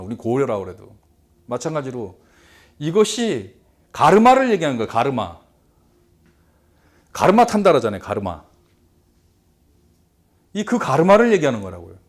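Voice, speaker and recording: A middle-aged man lectures in a fairly high voice. His intonation rises and falls a great deal. He keeps repeating key words and asks rhetorical questions as he explains.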